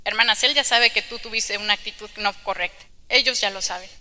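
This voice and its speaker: A woman's voice: medium pitch, fairly quick, sharp tone, low-quality recording. A young woman speaking earnestly at a women's church conference, often calling her listeners sisters, then leading a prayer. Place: church hall.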